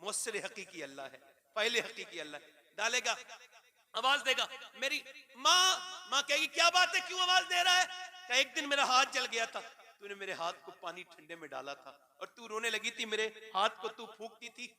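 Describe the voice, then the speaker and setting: A male Islamic preacher telling a story in an emotional sermon, swinging between loud exhortation and hushed, tearful passages. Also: high-pitched, expressive, normal speed.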